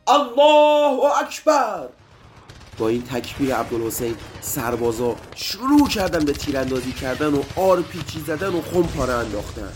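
A man narrating a story and speaking directly to children in a lively way. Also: mid-range voice. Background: faint music.

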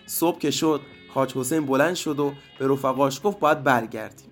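A man narrating a story for children, lively and addressing the kids directly. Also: medium pitch. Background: faint music.

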